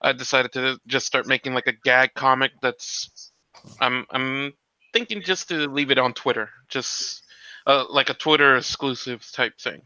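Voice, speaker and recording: A man's voice: mid-range voice, steady tone, measured pace, sharp tone, no echo. A man joining a casual stream as a guest cartoonist, joking and hesitant. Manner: joking, hesitant, laid-back. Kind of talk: casual chat. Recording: dry, dull lo-fi mic.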